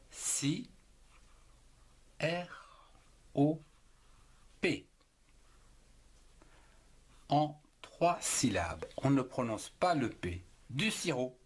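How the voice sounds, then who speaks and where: Very slow, lively-pitched man spelling words. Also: husky. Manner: spells words letter by letter, deliberate teacherly. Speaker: writing teacher. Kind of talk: slow spelling and syllable lesson.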